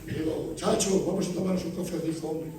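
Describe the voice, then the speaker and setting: Heard distantly in a reverberant church hall, a Spanish man preaches, narrating stories and playing out conversations with his congregation. His voice is a little high and dark-toned, brisk, with fairly even intonation.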